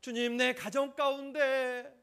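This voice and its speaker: A man's voice: very high voice, level tone, takes it slowly, creaky, pushed and bright, clean tone, pitched above the performer's own voice, exaggerated voice. A man voicing a humble foreign mother who pleads earnestly for mercy, his voice rising as he pleads. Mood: fervent pleading.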